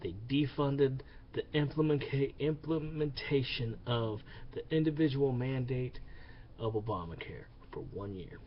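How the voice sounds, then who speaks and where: A man's voice: mid-range voice, measured pace, dull audio, a little hiss or hum. A man angrily ranting about politics in a profane, heated monologue that repeats itself. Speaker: vlogger. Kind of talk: angry political rant.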